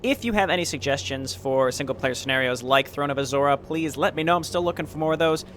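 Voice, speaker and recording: A man's voice: a little high, fast talker, fairly bright tone, a little hiss or hum. A man hosting a gaming video with casual commentary, thinking aloud as he plays. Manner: thinks aloud while playing.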